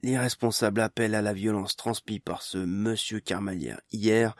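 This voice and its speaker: A man's voice: lowish voice, steady tone, normal speed, no echo, studio quality, natural voice. A man voicing a harsh political agitator in an audiobook, with a hard, indignant, declamatory delivery.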